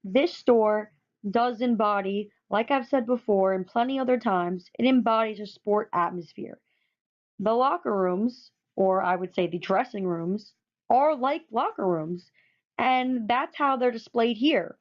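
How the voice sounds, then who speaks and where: A woman's voice: fairly high pitch, a little slow. A woman narrating a photo presentation, enthusiastic and often repeating words for emphasis. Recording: dull lo-fi recording.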